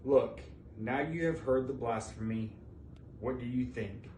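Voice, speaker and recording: In a large indoor church, a male church member gives a solemn scripture reading during a service, his mid-range voice dark in tone and a little slow. The distant mic captures an echoey sound with faint noise.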